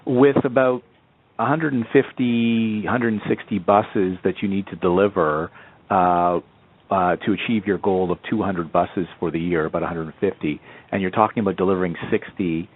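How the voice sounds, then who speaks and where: On a conference call, a man acting as an analyst asks questions hesitantly, circling back to rephrase over a muffled phone line. His low voice holds fairly even intonation at a moderate pace.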